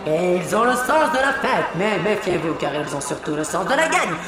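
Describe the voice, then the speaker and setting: A performer voicing a showy stadium announcer in a children's audio story, heard booming over huge loudspeakers and calling out introductions with sing-song flourishes. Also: big pitch swings, normal speed. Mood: showy announcing. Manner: grand, sing-song introductions with bursts of shouting. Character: showy, theatrical tournament announcer. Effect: amplified announcer voice booming over huge stadium loudspeakers. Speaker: stadium announcer at an intergalactic contest. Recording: echoey loudspeaker sound with music.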